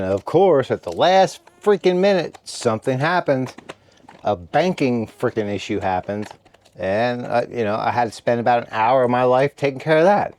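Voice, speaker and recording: A tired, relaxed man chatting casually to his viewers from inside a heated tent at night, rambling and stopping to talk to his dog. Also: mid-range voice, clear, resonant tone. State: tired after a meal. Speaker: camping vlogger. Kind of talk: casual vlog chat.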